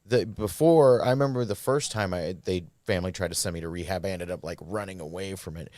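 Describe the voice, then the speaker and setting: Male guest, very low voice, dry close mic, candid rambling storyteller. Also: fast, darkish tone, no echo. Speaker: podcast guest. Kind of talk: personal recovery story.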